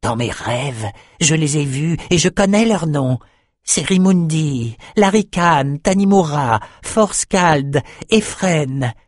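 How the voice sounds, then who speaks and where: A man reading an audiobook, voicing an excitable, half-mad albino male shaman who chants his lines. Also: on the high side, slow, no echo, clean studio sound, pitched above the performer's own voice. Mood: visionary. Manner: singsong, chanting. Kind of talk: audiobook character voice.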